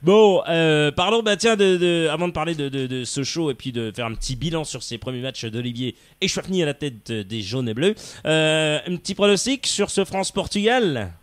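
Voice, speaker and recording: A man's voice: fairly high pitch, lively intonation, moderate pace, few pauses, no room sound. Playful, exclamatory male radio host. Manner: exclamatory, playful, many fillers. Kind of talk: live radio sports talk. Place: radio studio.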